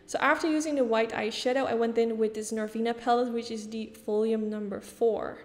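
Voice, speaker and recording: Speaking briskly in a fairly high, slightly mellow voice with fairly even intonation, a woman from the Netherlands explains her makeup routine step by step. This Dutch-accented beauty YouTuber keeps it chatty with casual fillers, and the sound carries the reverb of a large hall.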